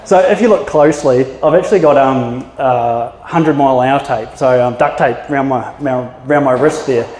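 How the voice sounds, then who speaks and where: A man in his thirties with a New Zealand accent, a maritime archaeologist, gives a chatty public presentation in a yacht club function room, full of anecdotes, fillers and restarts. His mid-range voice is a little mellow, at normal speed with few pauses. The hall is echoey with long reverb.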